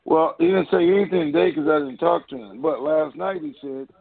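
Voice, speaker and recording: Over muffled, lo-fi conference call audio, a man co-hosts a call show, giving informal opinions emphatically with repeated phrases and rhetorical questions. His voice is a little high, brisk and gravelly, with no room sound.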